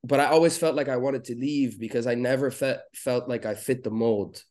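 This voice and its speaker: A man's voice: medium pitch, fairly quick. Laid-back man from Lebanon, chatty guest. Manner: relaxed, rambling, filler-heavy, slangy. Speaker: podcast guest. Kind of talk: casual interview chat.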